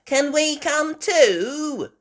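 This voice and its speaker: A woman voicing an excitable, cheerful young girl pig in a children's storybook. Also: high voice, very slow, voice pushed up, heavily acted. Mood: excited.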